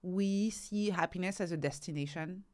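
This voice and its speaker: An author and researcher appears as an interview guest, a woman speaking at normal speed in a fairly low voice with a darkish tone. She explains her ideas thoughtfully and emphatically, often building points through lists of examples.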